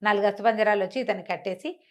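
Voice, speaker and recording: Rapid-fire and mid-range, a woman's voice tells a fantasy folk tale on a web show. Her style is conversational, built around repetition and rhetorical questions.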